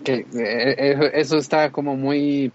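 A man's voice: mid-range voice, steady tone, slow pace. Guy rambling about a movie, lots of ums and restarts, dull lo-fi sound. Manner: rambling, many fillers and restarts. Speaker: film reviewer. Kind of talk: casual film review chat.

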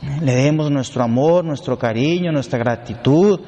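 A man's voice: mid-range voice, normal speed, mellow, highs cut off. A man, a priest giving a sermon in emphatic repeated lists, with humorous storytelling asides. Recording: long hall reverb, faint background noise.

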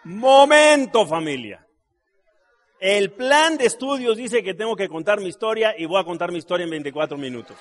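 A middle-aged business seminar speaker from Mexico City, a trained actor and voice artist, gives a live talk as an animated storyteller. He jokes with the crowd and keeps asking tag questions to get their agreement. His voice is high and moderately paced, with a little hiss or hum.

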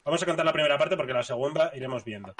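A man's voice: fairly high pitch, very fast, fairly bright tone. Rambling man hosting a podcast. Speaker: podcast co-host. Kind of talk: casual chat, introducing the episode.

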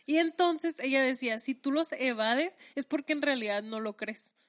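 Young woman cohosting a chill chat podcast, kinda high voice, animated. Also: moderate pace. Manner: animated, laughs often, acts out quoted voices. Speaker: podcast co-host. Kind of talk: casual chat.

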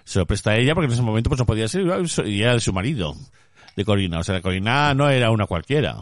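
A man's voice: on the low side, lively intonation, fast talker, no room sound. A man co-hosting a podcast, explaining things in a laid-back casual chat. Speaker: podcast co-host.

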